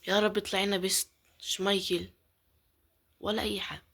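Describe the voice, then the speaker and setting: She's a YouTuber who talks through her gaming casually with an Egyptian accent, begging, murmuring prayers and often going down to a whisper. Her medium-pitched voice is a bit bright, moves little in pitch and runs fairly quick.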